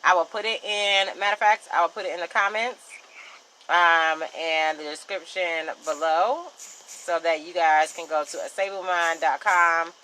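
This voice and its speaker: Young Southern woman host, fast and lively, bright voice, light background hiss. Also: fairly low pitch, poor audio. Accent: Southern American. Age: young adult. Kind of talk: casual interview.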